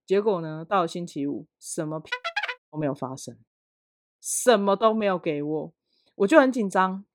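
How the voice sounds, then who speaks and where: Lower-pitched Taiwanese woman, indignant storyteller. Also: lively intonation, moderate pace, dry recording, studio quality, soft background music. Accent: Taiwanese Mandarin. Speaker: podcast co-host. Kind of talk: casual chat.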